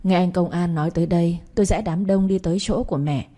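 Low, mellow young woman narrator. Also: fairly even intonation, fast talker. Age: young adult. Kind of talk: first-person audiobook narration.

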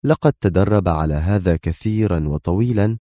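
A man reads an audiobook thriller in a steady, measured way. His voice is very low and dark, with a mellow tone. The close mic gives a dry sound with no room. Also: dry recording. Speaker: audiobook narrator. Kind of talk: scripted narration.

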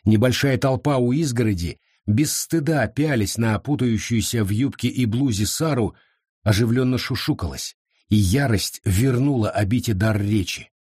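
A man narrating a historical novel as an audiobook in a dramatic, expressive reading. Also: mid-range voice, moderate pace, husky, no echo, clean studio sound. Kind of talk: scripted narration.

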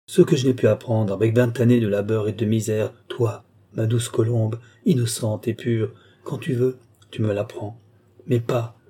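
Un lecteur incarne un homme de génie ambitieux, tendre et solennel. Le timbre est chaud et feutré, le ton posé et déclamatoire. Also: male voice, medium pitch, dark tone, natural voice. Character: ambitious male mystic, grand and tender.

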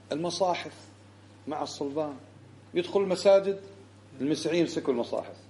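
Animated, fast-talking male religious lecturer. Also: a little high, slight background noise. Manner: animated and indignant, rising sharply for emphasis. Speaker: Islamic scholar giving a lesson.

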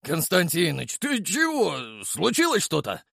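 A man's voice: fairly high pitch, sing-song, unhurried, creaky, fairly bright tone, slightly rough, no echo, studio quality, voice pushed up, exaggerated voice. A man doing a coarse, grumbling old sergeant. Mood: worried. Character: gruff lecherous old soldier, grumbling sergeant-major.

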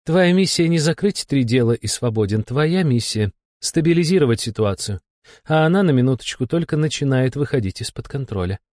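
A man voicing a weary, sarcastic female demon supervisor with a husky, irritated voice. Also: mid-range voice, animated, brisk, darkish tone, no echo, studio quality, pitched above the performer's own voice, natural voice. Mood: irritated mocking. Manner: irritated, mocking, drawling. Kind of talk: audiobook character voice.

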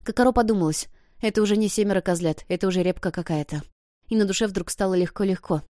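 A woman narrating an audiobook in an expressive, emotional reading. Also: mid-range voice, fast talker, no echo, clean studio sound. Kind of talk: scripted narration.

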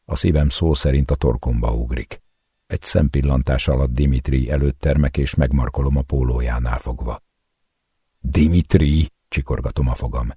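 A man's voice: extremely low pitch, fairly even intonation, warm tone, breathy edge, dry recording, clean studio sound. A man reading a first-person novel aloud as an audiobook narrator, with an intense, dramatic delivery.

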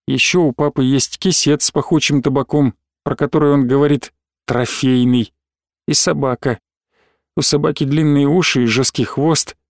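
Guy narrating an audiobook, kinda high voice, dry close mic, steady pace. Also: no room sound. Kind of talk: scripted narration.

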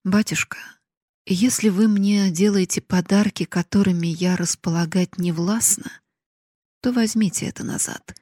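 A woman voicing a young daughter who calmly and firmly stands up to her father, read as an audiobook in a dry, husky voice. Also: mid-range voice, moderate pace, no echo, lightly acted. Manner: calm and steady. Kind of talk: audiobook reading.

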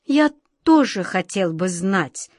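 A woman's voice: fairly high pitch, lively intonation, normal speed, a little mellow, no room sound. A polite young wizard from a storybook asks his questions hesitantly, as a woman reads him. The recording is close and dry.

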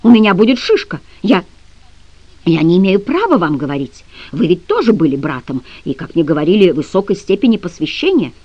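A woman reading aloud, voicing a frightened, scheming old prince with a hoarse, flustered manner. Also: fairly low pitch, very animated, brisk, mellow, dry recording, pitched below the performer's own voice. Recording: dry, slightly dull audio.

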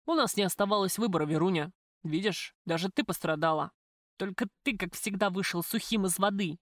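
A woman reading an audiobook, voicing a coarse, possessive male gang boss who talks in rough slang. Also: mid-range voice, fairly quick, no room sound, clean studio sound, close to an everyday voice. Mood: justifying.

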